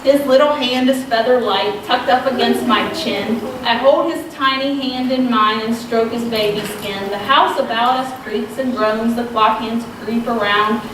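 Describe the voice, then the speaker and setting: A woman in her thirties with a slight Southern accent from Southwest Virginia talks casually at a women's retreat, poking fun at herself and using lots of ums. Her voice is a little high, measured in pace, with few pauses. It's a very echoey, distant, noisy recording from a large, echoing room.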